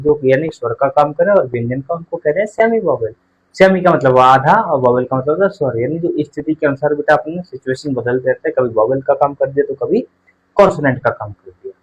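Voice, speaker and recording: A man's voice: fairly high pitch, breathy edge, highs cut off. A male teacher giving a live online grammar class, asking questions and answering them himself while addressing his pupils fondly.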